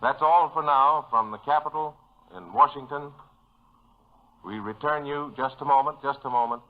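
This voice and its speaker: A man reporting live radio news in an earnest, measured way, heard through an old 1940s radio broadcast. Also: mid-range voice, narrow, tinny audio. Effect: old 1940s radio broadcast sound.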